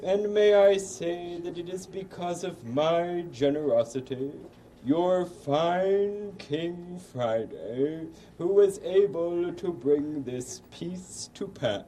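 A pompous puppet king from a children's show , performed by a man, holds forth in a booming, regal manner. He takes his words extremely slowly, with a dark, mellow tone and formal, self-satisfied stateliness. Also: animated, distant mic, a little hiss or hum, low-quality recording. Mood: pompous, proclaiming. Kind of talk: children's television puppet play.

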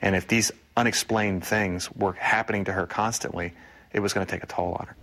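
A man's voice: low-pitched, fairly even intonation, fairly quick, fairly bright tone. A man recounting past events reflectively in a documentary interview.

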